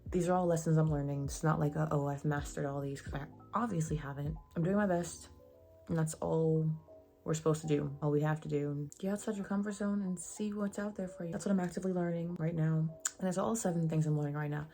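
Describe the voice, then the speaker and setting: A young woman giving casual advice in a vlog, slangy and sassy, with a flat, even delivery. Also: deep voice, fairly quick, faint music behind. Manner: says she sounds monotone. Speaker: vlogger.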